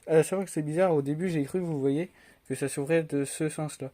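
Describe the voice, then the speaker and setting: A man's voice: on the high side, steady tone, brisk, warm tone. A young man from France chatting casually through an unboxing vlog, rambling with many fillers and restarts. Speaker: tech unboxing vlogger.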